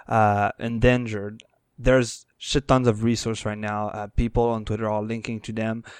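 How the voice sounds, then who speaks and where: A man co-hosting a casual podcast, speaking in halting, hesitant phrases. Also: fairly low pitch, clean tone, no echo, studio quality. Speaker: podcast co-host.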